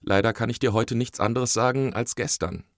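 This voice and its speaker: Brief: a man reading a patient, gentle mother in a storybook, soft and warm-toned, dry close sound. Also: medium pitch, moderate pace, no echo, natural voice. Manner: soft and soothing, briefly stern.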